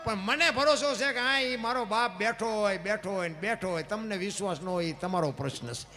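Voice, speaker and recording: A high-pitched man tells a devotional folk tale, dropping to a hush and then rising to loud, acted lines. He speaks into a stage microphone, with plucked-string music clearly audible behind him. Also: fairly quick. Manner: dramatic, shifts between hushed and loud acted lines. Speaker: folk storyteller. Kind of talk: devotional dayro storytelling.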